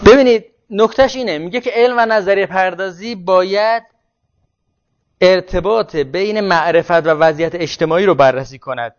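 Man, lecturer, classroom talk, high pitch, thinking aloud, dull recording. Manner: thinking aloud, restarting words.

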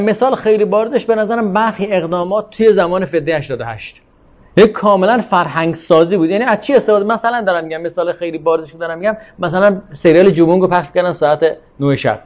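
A man's voice: high-pitched, darkish tone, lo-fi sound. A man leading an informal religious lecture and discussion, talking in a discursive way, repeating his points and asking rhetorical questions.

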